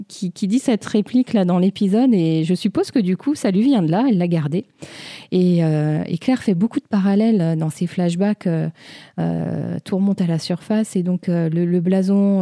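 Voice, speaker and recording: A woman's voice: fairly low pitch, warm tone, no room sound, clean studio sound. A woman reviewing a TV episode in casual commentary, hesitant, with many filler sounds and restarts. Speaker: show reviewer.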